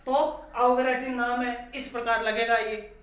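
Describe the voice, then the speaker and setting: A man's voice: extremely high pitch, little pitch movement, moderate pace, a bit bright. A male teacher giving a classroom lecture, asking his own questions and repeating key phrases, sometimes drawing out vowels to show them. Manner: drawls long vowels to demonstrate. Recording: echoey room, dull lo-fi sound.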